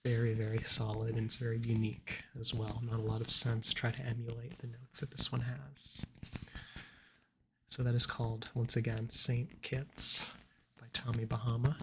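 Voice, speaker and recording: Guy doing asmr salesman roleplay, measured sales patter, lots of vocal fry, bit of background noise. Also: medium pitch, flat delivery. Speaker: cologne salesman in a role-play. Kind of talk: ASMR role-play.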